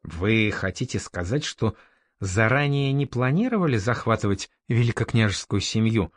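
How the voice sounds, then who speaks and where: A man's voice: lowish voice, lively intonation, moderate pace, dry recording, lightly acted. A man reading an insinuating council advisor.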